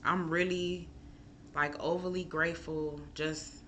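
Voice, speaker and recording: A woman's voice: low-pitched, little pitch movement, slow, fairly bright tone, slight background noise. A woman from Chicago, a chef and mother, talking candidly and emotionally in a casual personal vlog, rambling with many fillers. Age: adult with a school-age son. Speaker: chef and mom.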